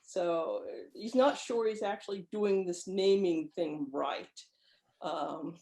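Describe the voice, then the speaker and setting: A woman author, speaking slowly in a low, dark voice, chats as an interview guest about a short story she wrote. She keeps slipping into imagined bits of dialogue to illustrate her points, and the room carries an echo.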